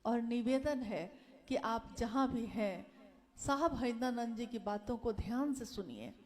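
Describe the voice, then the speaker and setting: A woman's voice: fairly high pitch, expressive, unhurried, darkish tone. A woman giving an earnest devotional talk, pleading with listeners and repeating her key phrases. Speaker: speaker at a devotional gathering.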